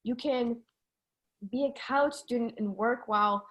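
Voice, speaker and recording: A woman's voice: a little high, measured pace, fairly bright tone. A woman hosting a video call, giving an emphatic, encouraging pep talk about money and mindset. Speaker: host. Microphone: video call microphone.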